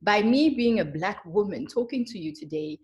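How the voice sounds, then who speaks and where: A young woman with a South African accent gives a webinar presentation as a marketer. She speaks earnestly and with emphasis, often filling pauses with ums, at a mid pitch typical for a woman. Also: expressive, a little mellow. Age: young adult.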